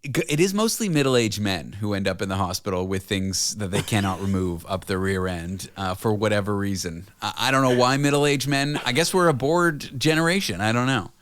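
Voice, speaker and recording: A man's voice: on the low side, expressive, moderate pace, few pauses, a bit bright, dry recording, clean studio sound. A man in his thirties hosting a radio show, chatting casually with rambling, self-deprecating asides. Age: 30s.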